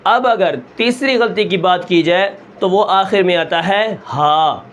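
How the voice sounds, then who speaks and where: A man teaching Quran recitation step by step, asking questions and answering them himself, and stretching sounds slowly to show them. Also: sits high, a bit bright, a little hiss or hum. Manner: asks the class a question, then answers it himself; draws out sounds long and slow to show them.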